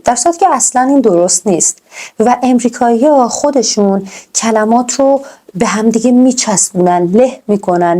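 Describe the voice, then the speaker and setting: Mellow-voiced woman teaching pronunciation. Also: mid-range voice. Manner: explains in Persian and slowly models English examples. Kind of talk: online language lesson.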